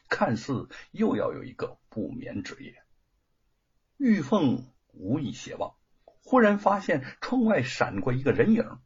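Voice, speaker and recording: A man narrating a classical story in an expressive, theatrical storytelling style. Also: medium pitch, breathy edge. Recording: dull lo-fi recording.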